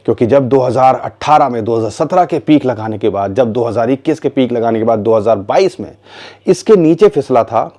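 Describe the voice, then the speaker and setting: A man talks through market charts in a relaxed, chatty way. His voice is warm and mellow. He throws in rhetorical questions and calls his listeners "bhaiya". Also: mid-range voice, a little fast. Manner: conversational, addresses viewers as "bhaiya", rhetorical questions. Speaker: crypto market commentator. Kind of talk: casual explanatory commentary.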